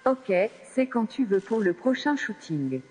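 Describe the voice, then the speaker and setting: A friendly companion robot speaks in a synthetic text-to-speech voice, polite and chirpy, as a small device plays it out. The tone is airy and a little breathy. It rings out with the long reverb of a big event hall. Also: mid-range voice, very animated, a little slow, a little mellow, faint music behind. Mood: cheerful. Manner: polite, chirpy scripted replies. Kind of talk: live on-stage robot demo. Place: event stage in a large hall.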